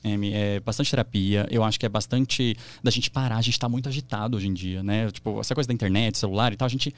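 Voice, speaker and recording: A man's voice: on the low side, fairly even intonation, fast talker, no echo. A young adult man with a Brazilian Portuguese accent, chatting as a podcast guest and telling stories with lots of fillers and restarts. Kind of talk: casual interview chat.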